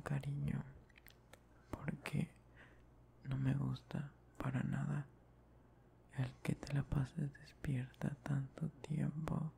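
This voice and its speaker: Man playing a whispering, creaky, affectionate young boyfriend, whispered role-play. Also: medium pitch, warm tone, a little hiss or hum. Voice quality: breathy whisper. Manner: slow, tender, repetitive murmuring. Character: affectionate young boyfriend soothing his partner to sleep. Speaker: ASMR performer.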